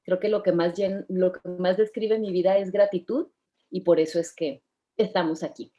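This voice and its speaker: A woman's voice: on the low side, steady tone, moderate pace, mellow, highs cut off. Cheerful Mexican woman in her fifties. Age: 50s. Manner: cheerful, laughs often, admits nerves. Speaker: guest. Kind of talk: casual interview chat.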